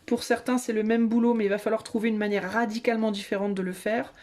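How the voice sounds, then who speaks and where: Woman, tarot reader, chatty, hesitant, slightly high voice, mellow tone. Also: flat delivery, quick pace. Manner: chatty, hesitant, many fillers, addresses viewers as friends. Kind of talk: casual tarot reading video.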